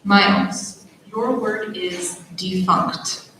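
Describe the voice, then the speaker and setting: A woman acting as a spelling bee pronouncer, reading out each word and its definition in a measured, formal way. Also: lowish voice, steady tone, a bit bright, slight background noise. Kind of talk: reading words and definitions aloud. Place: large echoey hall or auditorium. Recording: echoey hall recorded from far off.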